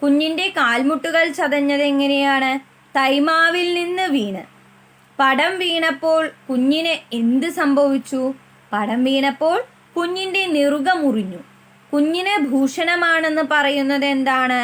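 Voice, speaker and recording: A woman teacher with a Malayali accent giving a primary school lesson, repeating each answer slowly for the children to say after her. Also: high-pitched, a bit bright, poor audio.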